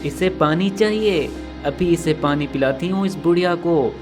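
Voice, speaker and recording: A man's voice: on the high side, normal speed, music in the background, close to an everyday voice. A man voicing a cruel, arrogant young female crow who taunts and bosses her mother-in-law. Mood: scheming. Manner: scornful, bossy and taunting.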